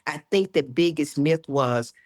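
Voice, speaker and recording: A woman in her sixties, a health educator talking as a guest in an interview, emphatic and lively, often acting out what people say. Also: low-pitched, a little slow, no echo, studio quality. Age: 60s. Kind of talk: casual interview chat.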